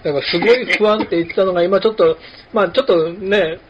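A man leads a laid-back podcast chat, building his points from everyday examples. His voice sits high. The recording is dull and lo-fi, with a faint hiss behind him. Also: quick pace. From Kumamoto, Japan. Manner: relaxed, explains with examples. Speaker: podcast host. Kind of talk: casual chat. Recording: dull lo-fi sound with faint noise.

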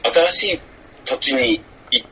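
A man's voice: medium pitch, measured pace, bright, forceful tone, a little hiss or hum, rough recording. A man co-hosts a podcast in casual chat, thinking aloud with many fillers.

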